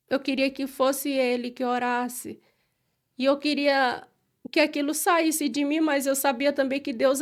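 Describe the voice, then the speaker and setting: A woman with a Brazilian Portuguese accent giving an emotional church testimony, earnest and halting, re-enacting the prayers she made. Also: high-pitched.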